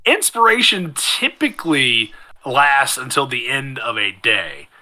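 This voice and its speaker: A man's voice: mid-range voice, sing-song, measured pace, bright, forceful tone, rough recording. A man acting as game master in casual tabletop banter and narration, with a wry, teasing way of talking. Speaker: game master and show host.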